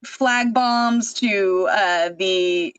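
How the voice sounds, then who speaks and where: A woman's voice: mid-range voice, very slow, fairly bright tone, smooth, no echo, highs cut off. A woman hosting a casual interview on a video call, talking in a rambling way full of fillers like "like" and "uh". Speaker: host.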